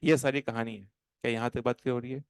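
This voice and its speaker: A man teaching chemistry to a class. He talks in an animated, playful way and slows right down when he dictates notes. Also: mid-range voice, gravelly, smooth, no echo. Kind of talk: classroom lecture. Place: classroom with students.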